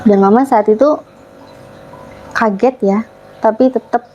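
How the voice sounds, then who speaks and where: A young woman from Papua, Indonesia, talks as an interview guest in a relaxed, chatty way, acting out bits of family dialogue. Her voice is fairly high but mellow and soft-edged. The recording is a little dull, with faint hiss behind her. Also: unhurried. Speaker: guest telling her conversion story. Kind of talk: casual interview storytelling.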